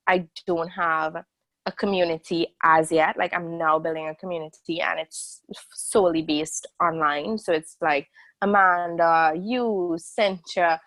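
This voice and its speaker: A woman's voice: on the low side, steady tone, measured pace, a bit bright, no room sound, low-quality recording. Candid thirty-something woman on a video call. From a small island country. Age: 30s. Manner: candid, rambling, with many fillers and restarts. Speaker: interview guest. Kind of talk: casual video-call conversation.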